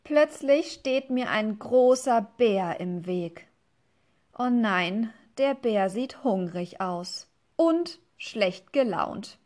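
A woman, a teacher, reading a children's storybook aloud in a gentle, lively way. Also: on the high side, drawn-out words.

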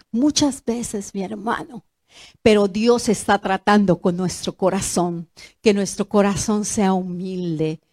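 A woman preaching a sermon, animated and direct, swinging from loud exclamations to soft, low asides and asking her listeners questions.

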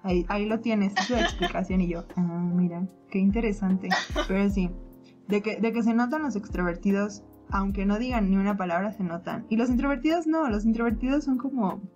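A woman's voice: mid-range voice, fairly quick, lo-fi sound, faint music behind. Storytelling young Mexican woman, casual. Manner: storytelling, animated, acts out quoted lines. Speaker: podcast co-host. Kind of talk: casual chat.

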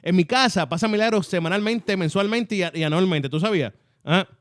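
Fast, high-voiced Puerto Rican man. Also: dry recording, studio quality. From Puerto Rico. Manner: animated, often asks "¿ah?" for agreement. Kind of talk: casual faith chat.

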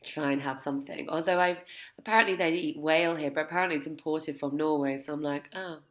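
A London woman talks with a low, bright, forceful voice, chatty and quick to laugh. Her voice echoes because she is in an oversized hotel suite. She co-hosts a casual film podcast. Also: fairly even intonation. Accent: London English. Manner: chatty, lots of "like", laughs easily. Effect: echoey sound of a huge hotel suite. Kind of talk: casual chat. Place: large hotel suite indoors.

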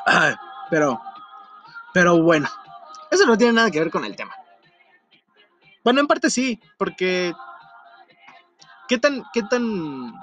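A young man with a Mexico City accent casually telling a personal story, full of slang and frequent laughter. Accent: Mexico City Spanish. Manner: animated, slangy, laughs often, jumps to falsetto in retellings. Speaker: vlogger. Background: faint music.

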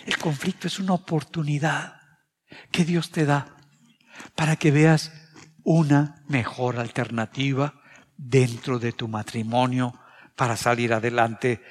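A middle-aged Mexican man preaching a sermon, earnest and confessional, sharing personal stories. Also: mid-range voice. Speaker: pastor. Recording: reverberant hall sound.

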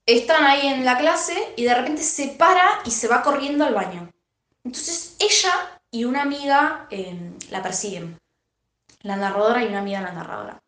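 Argentine woman podcaster, lively storyteller, slightly high voice, roomy echo. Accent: Argentine Rioplatense Spanish. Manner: animated, acts out the characters' lines. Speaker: podcast co-host. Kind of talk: casual retelling of a story.

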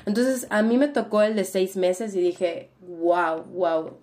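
A young Mexican woman with a Mexican accent, a guest in a casual interview, telling her story in an animated, reflective way and leaning on fillers. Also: medium pitch, moderate pace.

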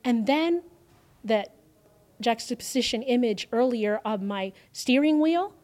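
A woman, a podcast guest, telling an emotional personal story, swinging from hushed moments to loud exclamations. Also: a little high, animated, unhurried.

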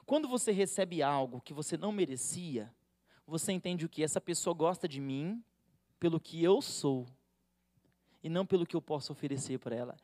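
Brazilian male pastor, high voice, dry close sound, joking sermon delivery. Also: expressive, moderate pace, darkish tone, no room sound. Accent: Brazilian Portuguese. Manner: humorous and teasing, acting out quoted voices.

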